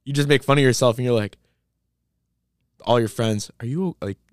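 Young male podcast co-host, lively and laughing, dry close sound. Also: medium pitch, brisk, smooth, dry recording. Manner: animated, laughing storyteller. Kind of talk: casual chat.

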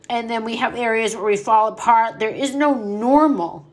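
A middle-aged woman speaking openly about grief, blunt and mouthy, swearing freely, emotional and at times short of breath. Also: on the high side. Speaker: podcast host. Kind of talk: personal grief monologue.

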